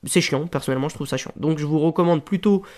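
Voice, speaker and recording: A man with a French accent talking casually through a software tutorial, full of fillers and restarts. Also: fairly high pitch, fast talker. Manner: casual, rambling explanations with frequent fillers. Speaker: WordPress tutorial host. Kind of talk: screen-share tutorial.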